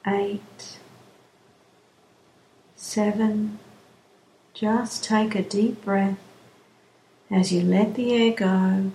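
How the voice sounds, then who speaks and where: A woman slowly leading a guided relaxation session in a soothing, drawn-out way. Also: mid-range voice, dark tone, a little hiss or hum. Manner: slow, soothing, drawn-out phrasing. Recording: roomy echo, faint background ambience.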